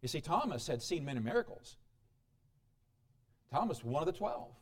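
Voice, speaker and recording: A man preaching a sermon, reading scripture aloud and explaining it with dramatic swings in loudness and frequent chuckles. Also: big pitch swings, moderate pace. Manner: dramatic shifts in pitch and volume, chuckles often.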